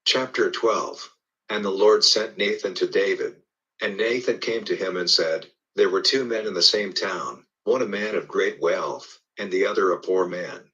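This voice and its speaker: A man reading scripture aloud in a steady, measured recitation. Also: deep voice, lo-fi sound. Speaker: scripture reader.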